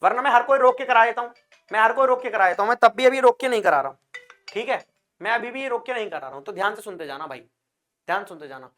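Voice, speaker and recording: A man's voice: sits high, fast talker, a bit bright, faint music behind. A male chemistry teacher giving an exam-prep lecture, asking questions and answering them himself, calling his students brother, and using jokey wordplay to make things stick. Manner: calls students brother and child; jokey memory tricks with wordplay.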